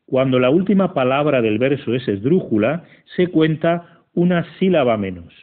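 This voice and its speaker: A man narrates a scripted grammar lesson at an unhurried, methodical pace and counts syllables out one by one. His voice sits at an ordinary middle pitch. The audio is narrow and tinny, like a voice heard over a phone line. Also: expressive. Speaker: teacher.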